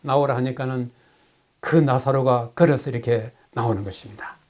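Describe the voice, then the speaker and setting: A male pastor preaching a sermon, asking the congregation questions and answering them himself, and reading scripture aloud slowly. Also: high voice, a little mellow.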